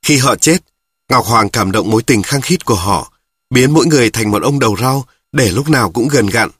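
A man's voice: mid-range voice, lively intonation, brisk, fairly bright tone, husky, no echo. A man reading a story, voicing a weary grown son who talks in a dry, mocking way. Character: weary, sardonic adult son.

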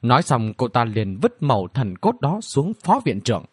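Husky male storyteller, lively delivery. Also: mid-range voice, moderate pace, no echo, studio quality. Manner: expressive, dramatic. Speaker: audiobook narrator. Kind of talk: storybook narration.

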